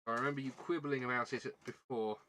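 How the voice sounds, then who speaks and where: A man from southern England with a southern British accent talks fast in a steady, pushed, bright mid-range voice, with a little hiss or hum in the audio. He's a livestream host chatting casually while building a model kit, rambling, self-deprecating and often repeating words.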